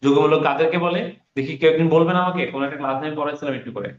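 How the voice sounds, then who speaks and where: Man teaching an online class, slightly high voice. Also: fairly even intonation, rapid-fire, a little hiss or hum. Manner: repeats key words and quizzes students. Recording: roomy, dull online class audio.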